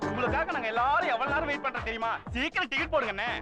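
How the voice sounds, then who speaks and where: Sex: man. Figure: a pushy comic bus passenger. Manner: bossy, argumentative. Pace: very fast. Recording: film audio with clear music. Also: very high-pitched.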